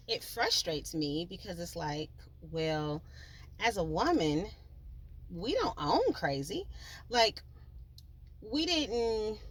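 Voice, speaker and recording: A woman hosting her own podcast, telling a life story in a chatty, slangy, animated way, with sons at home. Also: medium pitch. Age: adult, with children. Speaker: podcast host. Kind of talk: storytelling monologue.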